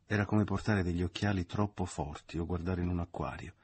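A man reads a novel aloud with measured, expressive storytelling. His voice is very low and husky. It is a dramatic literary reading. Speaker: audiobook reader.

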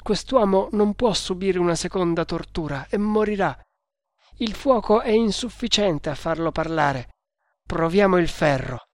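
A reader voicing a loyal, cunning male servant who speaks with calm, firm assurance in a dramatic audiobook. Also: mid-range voice, a little slow, dry recording, voice pushed up. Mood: assured.

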